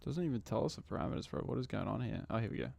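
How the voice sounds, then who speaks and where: A man's voice: mid-range voice, lively intonation, rapid-fire, vocal fry, a little mellow. A man in his twenties from Australia, chatting casually and muttering to himself on a live stream while he codes. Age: 20s.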